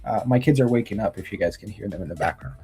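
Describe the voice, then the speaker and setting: A man's voice: on the low side, lively intonation, fast talker, vocal fry, over music. A man from Romania, a guest trader, gives earnest motivational advice in casual chat over a video call, often restarting his sentences.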